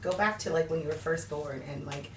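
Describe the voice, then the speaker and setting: A woman's voice: low voice, brisk, roomy sound, far from the mic, slight background noise. A woman in her thirties sharing a faith testimony in an interview, candid and full of fillers. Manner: candid, many fillers, laughs often. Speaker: guest.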